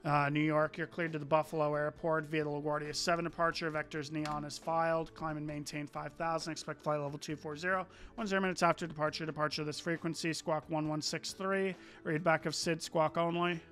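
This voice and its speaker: A man's voice: on the high side, little pitch movement, a little fast, few pauses, a bit bright. A young man acting as an air traffic controller, giving clipped, procedural radio instructions for a flight simulator.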